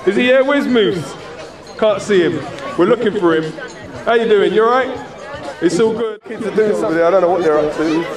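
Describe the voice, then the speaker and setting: A man's voice: high voice, brisk. A man with a London accent hosting casual on-the-spot interviews in an upbeat, chummy, slangy way. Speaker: interviewer and host. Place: outdoors at a busy park event. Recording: music and crowd noise behind.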